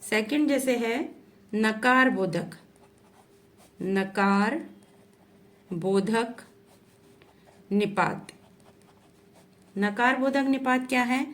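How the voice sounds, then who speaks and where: Slow, deliberate woman teaching grammar. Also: on the high side, fairly bright tone. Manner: slow and deliberate, repeats definitions, often adds "ठीक है". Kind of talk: explanatory lesson.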